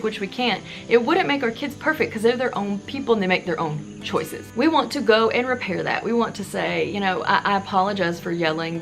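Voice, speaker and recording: A woman in her thirties, a parenting coach hosting her channel, talking casually to camera with chatty, animated, joking asides. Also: medium pitch.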